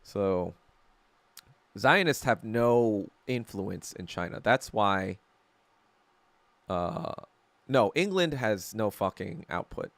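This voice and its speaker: Lively, profane male podcast host. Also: lowish voice, slow pace, creaky, long pauses, no echo. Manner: profane, rambling, opinionated, frequent fillers. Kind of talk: casual livestream monologue.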